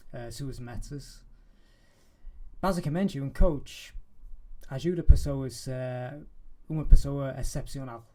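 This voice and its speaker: A man in his thirties with an English accent from Manchester, a native English speaker talking in Portuguese as a podcast guest. He speaks slowly in a dark, mellow voice, pausing to search for words and slipping in English fillers. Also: medium pitch. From England, Manchester. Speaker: guest, life and business coach. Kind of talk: casual podcast interview. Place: podcast studio in a farm-like setting.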